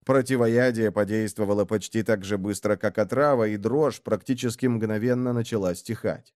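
A man reading an audiobook in a steady, even storytelling manner. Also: on the low side, moderate pace, no room sound, studio quality. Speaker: audiobook narrator. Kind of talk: scripted narration.

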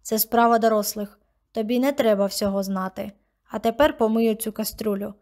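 A woman's voice: on the high side, a little fast, darkish tone, natural voice. A stern old grandmother in an audiobook, voiced by a woman narrator, curt and commanding. She scolds in short, clipped orders, her tone cold and bossy. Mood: scolding.

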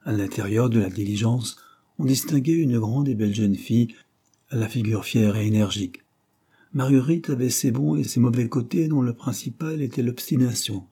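A man narrating a classic novel as an audiobook, reading in a steady, measured way. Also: medium pitch, slightly rough. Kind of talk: scripted narration.

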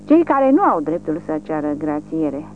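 A woman voicing a young, sadistic male military police lieutenant who barks cruel orders and sneering taunts in a shrill, childish screech. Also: big pitch swings. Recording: tinny lo-fi with faint hum.

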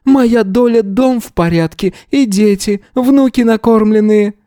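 A woman's voice: mid-range voice, measured pace, warm tone, no echo, clean studio sound, pitched above the performer's own voice, close to an everyday voice. A man reading an audiobook voices a wily old woman who shrieks, whines and pleads. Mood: mocking. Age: older. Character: shrill, wily old woman, hoarder, wheedling and loud.

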